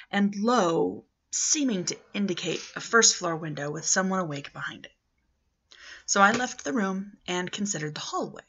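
An amateur audiobook reader, a woman in her thirties, narrates a novel from a script in her living room, recording on a webcam or laptop at arm's length. Her medium-pitched voice is gravelly and a bit bright, and the recording sounds muffled.

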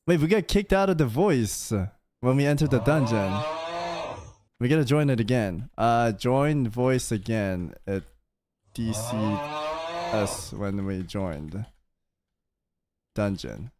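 In an indoor home streaming room, a young man chats over casual voice chat with his gaming group, teasing them in a playful, jumpy, animated way. His medium-pitched voice takes its time, with long pauses, and there's background noise. He's speaking close to a boom-arm studio mic.

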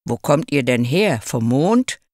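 A woman voicing an impatient, stern male ticket inspector in a read-aloud fairy tale, in a lowered voice. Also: very animated, a little slow, darkish tone, no room sound, studio quality, heavily acted. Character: impatient gruff male train conductor.

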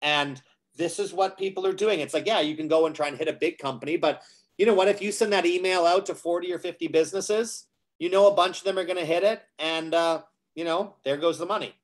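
A man with a slightly high voice tells long anecdotes in relaxed conversation. He slips in quoted dialogue as he goes and leans on ums and uhs between thoughts. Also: brisk. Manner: storytelling, acts out quoted dialogue with many fillers. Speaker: guest speaker on cybersecurity. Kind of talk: casual conversation on a live show.

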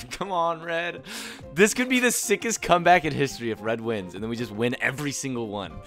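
A young man chatting excitedly with friends while playing an online game, laughing and swinging from mutters to shouts. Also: mid-range voice, moderate pace, soft background music. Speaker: gaming YouTuber. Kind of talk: excited gameplay chat with friends.

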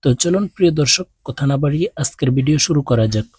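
A man with a Bangladeshi accent teaching Quran reading, spelling out Arabic words letter by letter and drawing out each syllable slowly. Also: a little high, animated, darkish tone, breathy edge, dry recording, clean studio sound. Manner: slow drawn-out recitation of each word.

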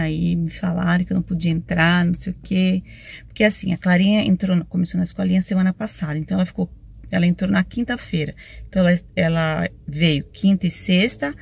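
A woman's voice: fairly low pitch, creaky, a little mellow, slight background noise. A young mother from Brazil chatting casually to viewers in a phone vlog, confiding and talkative. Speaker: vlogger mother. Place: on the go outdoors and in a car, rainy day.

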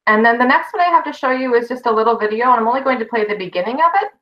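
A woman's voice: a little high, rapid-fire, muffled recording. A middle-aged woman presenting examples at a remote school board meeting over a video call, conversational with fillers and self-corrections. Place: indoor room on a video call.

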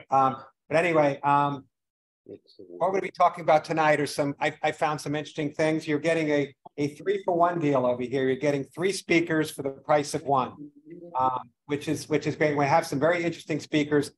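A man's voice: on the high side, low-quality recording. A man hosting a financial seminar in front of a live audience, talking casually, rambling a little, with lots of fillers. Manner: rambling, self-deprecating, many fillers. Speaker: seminar host, financial advisor. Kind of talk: casual opening remarks at a seminar. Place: event venue with a live audience.

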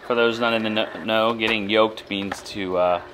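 A middle-aged man with a lowish voice talks casually to the camera in a family vlog. He jokes with a dry, sarcastic edge. Steady background noise from filming on the go sits under him. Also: moderate pace. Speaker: vlogger father.

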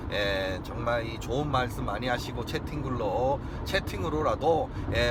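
A man with a Gyeongsang accent streaming a boisterous, excitable monologue, prone to shouting and chanting. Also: medium pitch, noisy background. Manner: boisterous, bursts into shouting and mock-religious chanting. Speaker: live-streamer host.

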